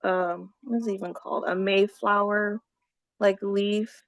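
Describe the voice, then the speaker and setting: A woman's voice: medium pitch, fairly even intonation, measured pace, creaky, no room sound. Woman on a video call, dry close sound, keeps hunting for words, lots of um and like. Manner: rambling, searching for words, many fillers. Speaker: gathering co-host. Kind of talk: casual group chat on a video call.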